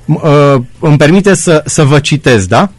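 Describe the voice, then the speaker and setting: A man's voice: a little high, expressive, no room sound. Teasing male radio host. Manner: friendly, teasing, with many fillers. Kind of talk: radio call-in show.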